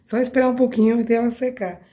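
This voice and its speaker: Hoarse and mellow from a cold, this craft tutorial host talks fast in a fairly high pitch with a flat delivery. Working at her indoor craft table at home, the Brazilian woman guides viewers through each step in a Brazilian Portuguese accent, chatting away and checking in with them often.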